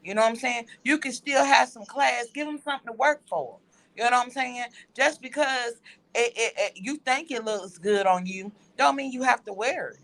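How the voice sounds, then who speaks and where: A woman's voice: a little high, moderate pace, fairly bright tone, rough recording. A woman in an informal panel discussion, pressing her opinion in an insistent, colloquial, moralizing way. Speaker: panel participant.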